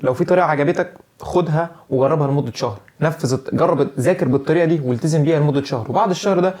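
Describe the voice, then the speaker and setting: Fast-talking Egyptian man giving advice. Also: on the high side, a little mellow. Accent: Egyptian Arabic. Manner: direct, chatty advice to the viewer. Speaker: English-learning video host. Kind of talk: casual video lesson.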